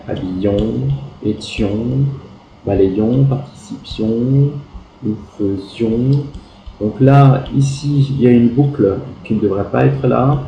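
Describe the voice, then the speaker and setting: Slow, gravelly-voiced teacher spelling out letters. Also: male voice, mid-range voice, dull audio. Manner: spells out letters, slow and patient, gentle praise. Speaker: primary school teacher. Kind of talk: correcting pupils' written exercises aloud. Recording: echoey room with faint background noise.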